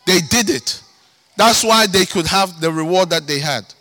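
A pastor with a Ghanaian accent preaches a sermon in a high voice at a moderate pace. He is animated, breaking into shouts and sing-song emphasis.

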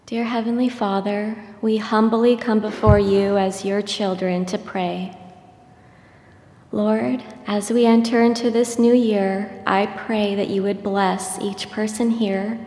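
A woman leading a congregation in a slow, steady, reverent prayer, heard with a cathedral-like echo. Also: medium pitch. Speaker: prayer leader. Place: church sanctuary. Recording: echoey church hall, long reverb.

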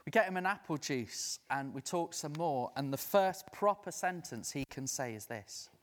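A man preaching a sermon as a lively storyteller who acts out the voices of the people he quotes. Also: fairly high pitch, normal speed. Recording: long reverb of a large hall.

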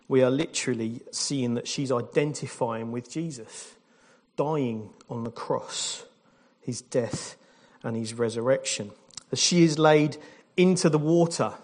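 A man gives a relaxed baptism sermon, dropping in jokes, fillers and restarts as he goes. He speaks at an everyday middle pitch, addressing a church congregation. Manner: informal, jokey preaching with fillers and restarts. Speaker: pastor.

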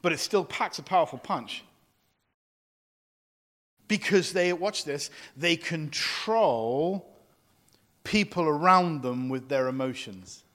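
A pastor teaching from the pulpit, his fairly high voice carried by the long reverb of a big hall. He slips into animated impressions of the people he quotes, then drops back into plain teaching. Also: takes it slowly, long pauses. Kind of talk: teaching sermon.

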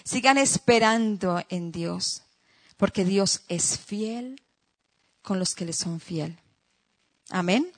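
A woman's voice: medium pitch, slow, long pauses. Woman preacher delivering an emphatic sermon. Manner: emphatic, repeats phrases, checks in with listeners. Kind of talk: sermon with rhetorical questions to the congregation.

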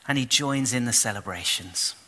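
A man's voice: mid-range voice, moderate pace, sharp tone, big-room sound. A man preaching a sermon, retelling the story expressively and putting questions to the congregation. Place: church.

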